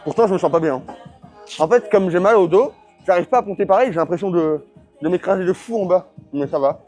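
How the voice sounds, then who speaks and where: Fast-talking young man, gym vlog. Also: high-pitched, darkish tone, faint music behind. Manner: chatty, rambling, self-correcting. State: tired after a long training session. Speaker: powerlifting vlogger. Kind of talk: casual gym vlog chat.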